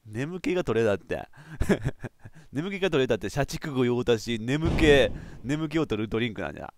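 A man doing excitable let's play commentary, laughing often and yelping when he fails. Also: medium pitch, moderate pace. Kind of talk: game commentary.

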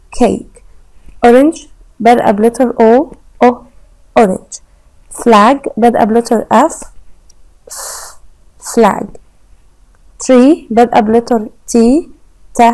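A woman teacher with an Egyptian Arabic accent, patiently going through a children's English textbook and repeating each word slowly. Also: fairly high pitch, warm tone, low-quality recording.

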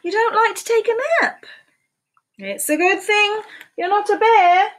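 Speaking with an extremely high pitch, unhurried and a bit bright, a woman in her sixties reads a picture book aloud for young children. The storytelling is sing-song, with questions directed at the kids. She's at home in a small room, recorded by her desk webcam.

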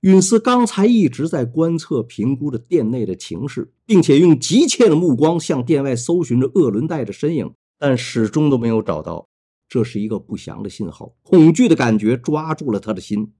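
A man narrating a novel retelling in a dramatic, expressive way. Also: mid-range voice, moderate pace, breathy edge. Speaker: storyteller.

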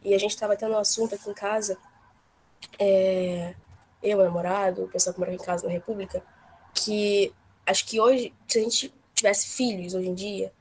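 A young woman with a cold telling a casual personal story, blunt and lively, with many fillers. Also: medium pitch, moderate pace, a little hiss or hum. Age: young adult. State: has a cold. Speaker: workshop participant.

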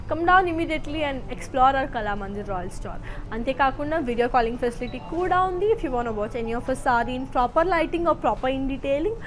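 Female live sales host, South Indian accent, very quick, effusive patter that switches languages, faint noise behind. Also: sits high. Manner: switches between languages mid-talk. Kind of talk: live shopping sales presentation.

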